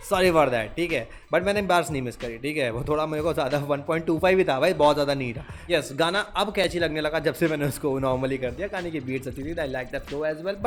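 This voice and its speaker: Chatty Indian man reviewing a song. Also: fairly high pitch. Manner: chatty, mixes Hindi and English, keeps saying "bhai" and "theek hai". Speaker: reaction channel host. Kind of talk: casual reaction commentary.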